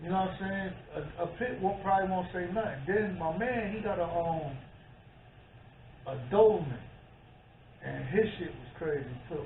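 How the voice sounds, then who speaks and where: A man tells stories as a podcast co-host, acting out every quote. His voice sits a little high. It sounds boomy and tinny, as if picked up across an echoing room. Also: moderate pace, slight background noise. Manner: animated storyteller, acts out quotes. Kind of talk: casual chat. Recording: echoey room, tinny phone-like sound, from far off.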